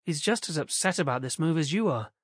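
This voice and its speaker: A man's voice: fairly high pitch, animated, brisk, breathy edge, no echo, clean studio sound. A man doing a patient, tired dad. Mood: coaxing. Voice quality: coaxing, mild. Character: patient, tired middle-aged father. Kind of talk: audiobook character voice.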